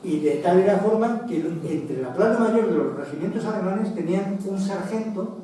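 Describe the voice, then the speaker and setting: A man's voice: high voice, expressive, moderate pace, warm tone. Male lecturer, chatty and digressive, heard from afar in a reverberant hall. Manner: conversational, digressive, frequent restarts and asides. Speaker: lecturer on military history. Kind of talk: public lecture with slides. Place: association meeting hall, indoors. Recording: echoey hall, distant mic, faint noise.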